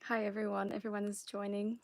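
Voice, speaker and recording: Softly whispering Flemish woman. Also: medium pitch, completely flat delivery, fairly quick, no echo. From Belgium (Flanders). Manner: soft, partly whispered chat, nervous and giggly. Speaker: ASMR creator. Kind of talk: live stream Q&A. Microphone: phone on a wobbly stand.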